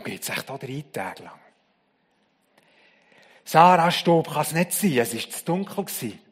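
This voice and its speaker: A man preaching a sermon, telling the story dramatically and swinging from loud to hushed. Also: fairly high pitch, husky, in a large hall.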